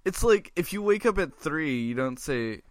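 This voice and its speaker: A man's voice: a little high, animated, moderate pace, no echo, studio quality. A man co-hosting a casual podcast, rambling with lots of filler words and swearing. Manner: rambling with many likes, swearing. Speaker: podcast co-host.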